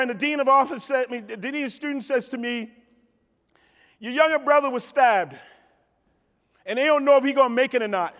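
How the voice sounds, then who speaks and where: The speaker is a middle-aged American man on stage in a large convention hall, delivering a motivational keynote. His voice is extremely high and a bit bright, and the reverberant PA fills the room. He tells stories emphatically, repeating phrases and addressing the audience directly.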